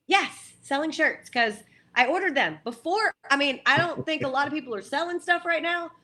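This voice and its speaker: A woman's voice: high voice, expressive, moderate pace, pushed and bright. A woman fitness coach as a guest on a podcast, talking in an upbeat, chatty way. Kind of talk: casual interview chat.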